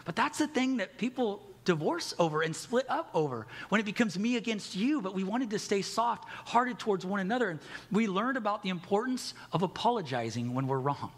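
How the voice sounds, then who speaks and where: A man's voice: high-pitched, expressive, fairly quick, in a large hall. A middle-aged man preaching a sermon as pastor, candid and conversational, with self-deprecating humor.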